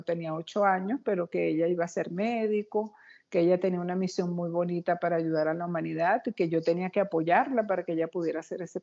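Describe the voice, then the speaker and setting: A woman being interviewed as a guest, telling a personal story in an animated, quick, excitable way. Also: on the low side, lo-fi sound.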